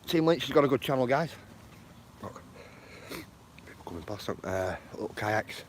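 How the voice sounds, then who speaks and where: A man with a Lancashire accent talks at an even, middle pitch as he streams live from a phone on a walk. He greets viewers one after another in a friendly, slangy way, with faint noise outdoors. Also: a little slow. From northern England. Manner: chatty, greets viewers by name; uses slang like bro and bruv. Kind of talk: casual walking live stream. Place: outdoors by water.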